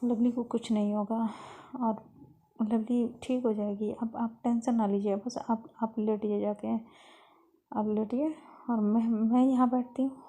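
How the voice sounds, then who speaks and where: A caring young woman, soft and coaxing, gently scolding with a slightly raised voice, as a woman storyteller puts her on. Her tone is dark and gravelly, with a husky edge. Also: on the high side, little pitch movement, measured pace. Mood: pleading.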